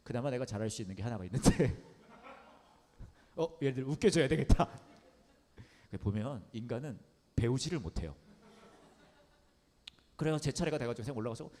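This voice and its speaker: A man's voice: medium pitch, lively intonation, moderate pace, long pauses, a little mellow. A male pastor delivering a storytelling sermon, his voice rising and falling widely as he acts out the comedy of the tale. He piles up repeated words for effect. The sound carries the long reverb of a hall. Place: underground church hall.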